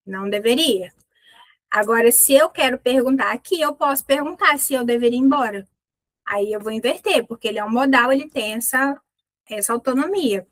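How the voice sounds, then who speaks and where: A woman with a Brazilian Portuguese accent teaching an English lesson, lively, slowly drilling English example phrases with stress. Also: on the high side, no room sound, poor audio.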